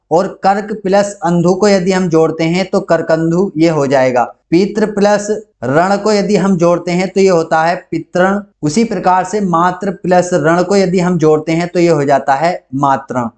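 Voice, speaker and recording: A man with a fairly high voice teaches an online grammar class. He works through every rule and example in the same patient, step-by-step way, speaking close to the mic. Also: darkish tone. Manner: methodical, repeats each rule step by step.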